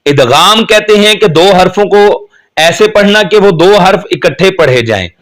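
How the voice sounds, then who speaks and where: A man teaching Quran recitation in Urdu, who patiently explains the rules step by step and then chants the verses slowly and melodically. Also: high-pitched, animated, fairly bright tone. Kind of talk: slow step-by-step tajweed lesson.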